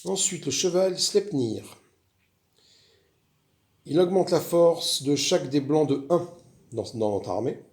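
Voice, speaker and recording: A man's voice: a little high, lively intonation, slow pace, long pauses, darkish tone. A man chatting casually as he walks through a solo board game, rambling with frequent restarts. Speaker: board game video host.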